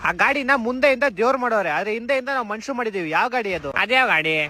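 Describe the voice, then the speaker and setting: Guy doing squeaky cartoon dudes trading jabs, super fast, loud noisy audio. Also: expressive. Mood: teasing. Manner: quick, rowdy slangy back-and-forth with mock insults. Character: assorted bickering adult male cartoon characters. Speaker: voice actor for all cartoon characters. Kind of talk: comic cartoon banter. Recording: loud background noise.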